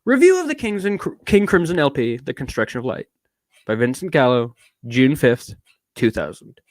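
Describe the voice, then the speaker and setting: A drunk man putting on an affected fake British accent to read aloud in a slow, grand, pompous way. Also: on the high side, very animated, dry recording.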